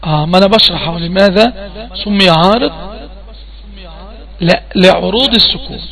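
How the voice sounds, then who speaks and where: A man's voice: high voice, a little fast, vocal fry, fairly bright tone. A man with an Egyptian accent teaching Quran recitation rules in an online class, quizzing his student and repeating questions to prompt answers. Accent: Egyptian Arabic.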